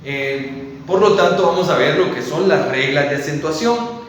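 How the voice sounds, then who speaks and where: A man's voice: a little high, normal speed, very echoey, in a large hall, far from the mic, a little hiss or hum, low-quality recording. A man teaching a primary school grammar lesson, explaining step by step with fillers and checking questions. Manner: explanatory, uses many fillers and asks "¿verdad?". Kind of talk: classroom lesson on Spanish accent rules.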